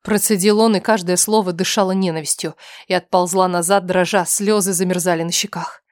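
A woman reading a first-person story aloud with a tense, emotional and often softened delivery. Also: lowish voice, fairly even intonation, a little fast, dry recording, clean studio sound. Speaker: audiobook narrator.

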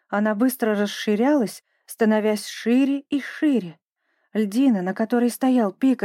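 Mellow woman reading a children's story. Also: medium pitch, dry recording, clean studio sound. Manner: gentle, even storytelling. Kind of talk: scripted narration of a children's story.

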